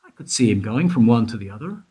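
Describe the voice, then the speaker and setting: In an amateur radio play, an actor voices a persistent male detective who keeps needling a guard with probing questions. His voice is medium in pitch, warm and slightly rough, with lively intonation and a fast pace.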